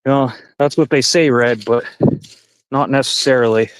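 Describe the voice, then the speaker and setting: Canadian man in his 40s, live-stream hiking vlogger, rambling profane chatter, dry close sound, mid pitch. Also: fairly even intonation, normal speed, clean tone, no echo, rough recording. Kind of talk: casual live-stream chat while hiking. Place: outdoors on a forest trail.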